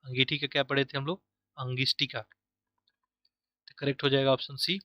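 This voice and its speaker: In an online exam-prep lesson, a man teaches Hindi by asking himself questions and repeating each answer to drill it in, slipping English words like "easily", "correct" and "option" into his Hindi. His medium-pitched voice is bright and forceful, a little fast, with little pitch movement, and the recording is dry and muffled.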